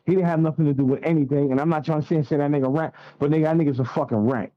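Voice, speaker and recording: A man's voice: fairly high pitch, fairly even intonation, very fast, highs cut off. A man, telling a blunt, profane story as a guest on a radio interview. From Staten Island, New York.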